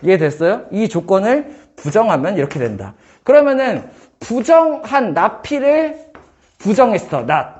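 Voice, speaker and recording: A man teaching math in a casual one-on-one lesson, firing quick questions at his student and joking. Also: sits high, big pitch swings, a little mellow, muffled recording. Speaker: math tutor.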